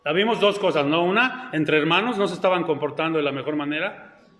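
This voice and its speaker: High-voiced pastor in an echoey hall. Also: male voice, a little fast, a bit bright. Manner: keeps quizzing the congregation. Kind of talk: sermon. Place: church hall. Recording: echoey hall with long reverb.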